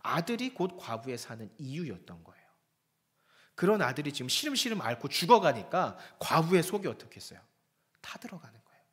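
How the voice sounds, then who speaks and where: A male pastor preaching with a fairly high, very animated voice. He retells the story dramatically, rising in pitch and then falling to hushed whispers. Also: fairly quick. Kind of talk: sermon.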